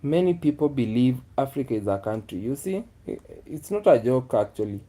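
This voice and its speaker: A man's voice: mid-range voice, expressive, brisk, warm tone. A man, chatting casually with his viewers in a musing way, often repeating his phrases. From Kenya. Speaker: vlogger. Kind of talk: casual live chat with viewers.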